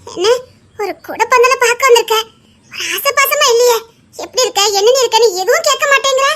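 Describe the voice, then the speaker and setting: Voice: extremely high pitch, fairly quick, pushed and bright. A performer playing an emotional young woman with a Tirunelveli Tamil accent, who pleads with her friend and teases her.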